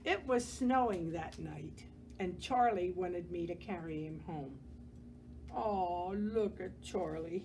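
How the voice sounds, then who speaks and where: A library storyteller with a mid-range voice reads a children's picture book aloud, gentle and expressive. She stops now and then to comment on the pictures, with slight background noise.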